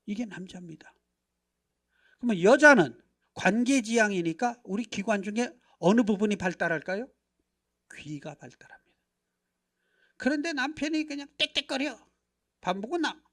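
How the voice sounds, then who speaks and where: A middle-aged male pastor giving a lively church seminar, acting out little dialogues and checking in with the audience, dropping to hushed asides and then bursting out loud. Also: sits high. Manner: animated, acts out dialogues, constant rhetorical check-ins. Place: church sanctuary.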